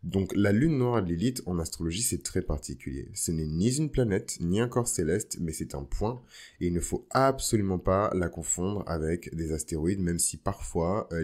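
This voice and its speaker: Very low-voiced man, casual podcaster. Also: a little mellow. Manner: informal, with English slang mixed in. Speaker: podcast host. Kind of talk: casual astrology podcast monologue.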